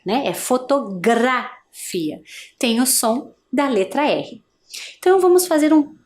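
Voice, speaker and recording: A woman teacher with a Brazilian Portuguese accent giving an adult education video lesson, explaining slowly and patiently and asking the learner encouraging questions. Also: sits high, darkish tone. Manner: slow, patient, syllable-by-syllable explanation.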